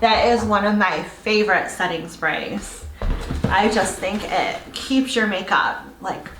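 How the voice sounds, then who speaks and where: A woman beauty vlogger chatting casually through an unboxing, gushing and excitable. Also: medium pitch, slow pace, roomy sound, rough recording.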